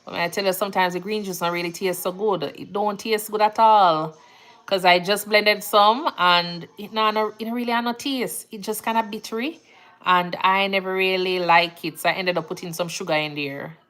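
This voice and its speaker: A woman with a Jamaican accent, from Jamaica, hosts a livestream as a nurse, chatting informally and reading viewers' comments out loud. Her pitch is medium and her pace moderate. She comes across as relaxed and chatty, quick to laugh, with Jamaican phrasing.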